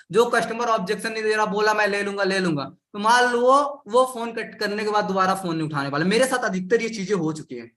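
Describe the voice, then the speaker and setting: A man's voice: high voice, sharp tone, echoey room. A man running a live sales training session, animatedly acting out what customers and sellers say and addressing his audience directly.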